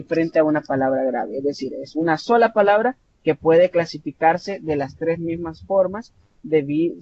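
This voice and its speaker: A man's voice: a little high, darkish tone. A Salvadoran man tutoring an online class, explaining patiently with many fillers and self-corrections. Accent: Salvadoran Spanish. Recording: dull lo-fi online class audio with faint noise.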